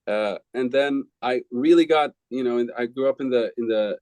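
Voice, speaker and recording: A man in his forties from Belgium, a film composer answering interview questions in a relaxed, rambling way with frequent restarts. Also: medium pitch, normal speed, no room sound, low-quality recording.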